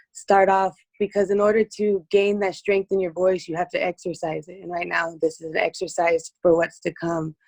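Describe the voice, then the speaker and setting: A woman with a hoarse, strained voice, speaking earnestly as an interview guest giving personal testimony. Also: on the low side, darkish tone, dry recording.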